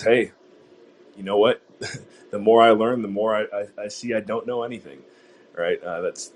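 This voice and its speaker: Host, male, low voice, rambling casual interviewer, faint hiss behind. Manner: rambling, friendly, many fillers and restarts. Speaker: podcast host.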